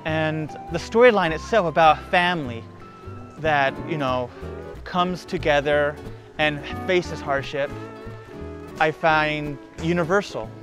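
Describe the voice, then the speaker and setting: A man's voice: on the high side, slow. A young man from the Czech Republic, a student spotlight operator, speaks carefully in a documentary interview. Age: young adult. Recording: music bed under the voice.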